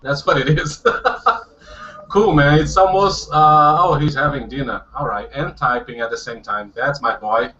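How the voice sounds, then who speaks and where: Hosting a relaxed language-practice video call, this upbeat Brazilian man laughs a lot and switches back and forth between Portuguese and English. His medium-pitched voice is sharp at a moderate pace, and the video call audio comes through dull and lo-fi.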